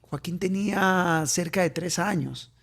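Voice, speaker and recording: A middle-aged Ecuadorian man speaks as a guest on an interview show, with a gravelly, raspy texture. His voice sits a little high for a man. He tells a personal story and keeps repeating phrases for emphasis. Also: measured pace, a bit bright. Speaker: guest, coach and author.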